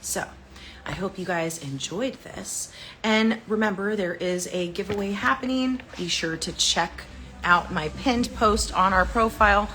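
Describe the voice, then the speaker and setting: A woman's voice: mid-range voice, a little slow, pushed and bright, a little hiss or hum. A chatty woman hosting a live sales stream for a plant shop, playful and bubbly as she shows off plants. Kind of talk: casual live-stream selling.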